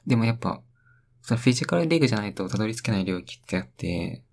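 A young man hosts a solo radio-style podcast, rambling and talking to himself while playing with words in sing-song repeats. His voice is medium-pitched and a little mellow, with some vocal fry.

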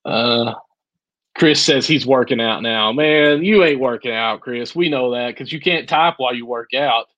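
A man's voice: mid-range voice, unhurried, a bit bright, no room sound, highs cut off. A man co-hosting a casual podcast, making upbeat, joking plugs for the show. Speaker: podcast co-host.

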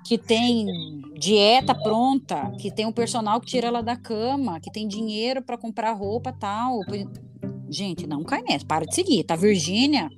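A woman in her thirties hosting a casual podcast chat, expressive and jokey, swearing frankly. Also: a little high, moderate pace, music in the background. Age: 30s. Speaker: podcast host.

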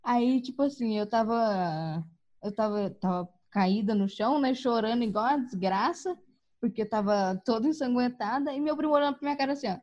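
A woman with a high voice tells a personal story in a relaxed chat. She is animated, laughs often and acts out the voices of the people in it. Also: brisk, lo-fi sound. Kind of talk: casual storytelling.

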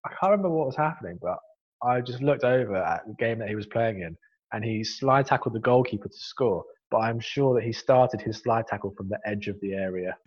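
Male co-host, blunt and opinionated, low voice on a dull lo-fi recording. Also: animated, fairly quick, slightly rough. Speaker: podcast co-host. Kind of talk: casual football chat. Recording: dull lo-fi sound.

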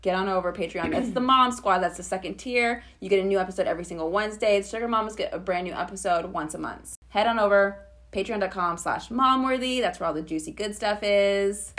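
A woman's voice: medium pitch, fast talker, fairly bright tone. Upbeat young woman podcast co-host. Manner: upbeat, filler-heavy, enthusiastic. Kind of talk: casual chat.

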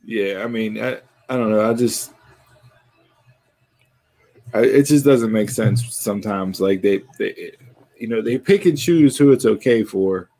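A man's voice: fairly low pitch, unhurried, pauses often, mellow. A man hosting a casual wrestling talk show, rambling and restarting his sentences.

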